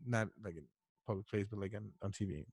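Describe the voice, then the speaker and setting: A man's voice: lowish voice, fast, gravelly, husky, no echo. A man born in Ecuador and raised in the US, co-hosting a casual podcast, chatty, laughing often and restarting his phrases. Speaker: podcast co-host. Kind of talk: casual chat.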